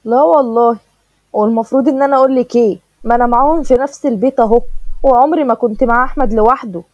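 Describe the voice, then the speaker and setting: A quarrelsome, jealous sister-in-law snaps her accusations in an Egyptian accent, voiced by a woman narrator. The voice is high and warm, and the sound is dry and slightly dull. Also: quick pace, no echo, natural voice. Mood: accusing. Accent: Egyptian Arabic. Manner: sharp, accusing.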